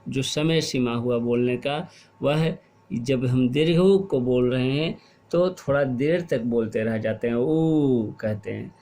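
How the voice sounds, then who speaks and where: A middle-aged man teaching a class, explaining slowly and asking questions, then repeating the answers. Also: mid-range voice, a little mellow, faint music behind. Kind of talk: classroom lesson.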